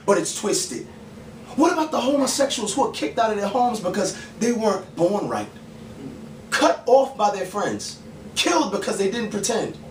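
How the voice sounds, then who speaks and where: This high-pitched male spoken word poet and actor, from the Bronx in New York, delivers dramatic poetry in a pointed, theatrical style, pausing deliberately. He is on a small dim bar stage indoors, recorded by a faraway camera mic with room echo and background noise; the stage mic beside him goes unused.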